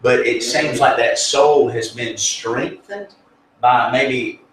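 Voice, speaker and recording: A man's voice: medium pitch, fairly even intonation, slow pace, a bit bright, a little hiss or hum. A man, a pastor, explaining faith in an earnest, folksy, conversational way, full of fillers and restarts. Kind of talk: conversational spiritual teaching. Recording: echoey room, distant mic, faint ambience.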